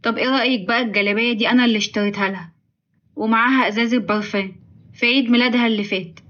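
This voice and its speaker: A woman's voice: on the high side, steady tone, racing, a bit bright, lo-fi sound, lightly acted. Woman reading a weary pleading young son, Egyptian. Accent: Egyptian Arabic. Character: gentle patient grown son.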